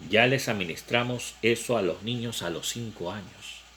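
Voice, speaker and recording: A man reading aloud, voicing a brooding young man who longs for freedom, with slow, reflective questions. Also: on the low side, pushed and bright. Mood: questioning.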